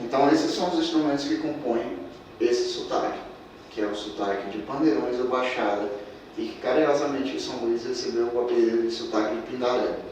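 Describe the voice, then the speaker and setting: Brisk and a little mellow, a mid-range male voice counts beats aloud as its speaker, a man from Maranhão, Brazil, demonstrates drums in a percussion workshop. Soft background music accompanies this instructional demonstration, along with percussion instruments being played. The room is echoey and the mic distant.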